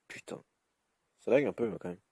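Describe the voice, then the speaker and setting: A man giving live commentary over his own game, cursing often and swinging between high yelps and low grumbling. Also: normal speed, dark tone, no room sound, clean studio sound. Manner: swears freely, swings from yelps to grumbling mutters. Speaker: YouTube gamer.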